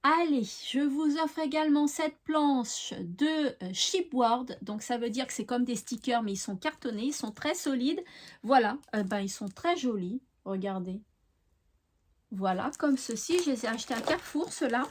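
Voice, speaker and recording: A woman's voice: on the high side, expressive, moderate pace. A woman hosting a craft channel, chatting fondly to viewers as she presents giveaway prizes, with lots of fillers along the way.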